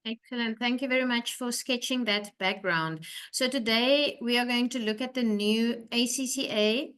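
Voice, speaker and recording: A woman's voice: fairly high pitch, normal speed, fairly bright tone, clean tone. A woman from South Africa hosting an online webinar, chatting with her guest and reading out messages from the chat. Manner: friendly, reads out chat messages. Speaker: webinar host, company CEO.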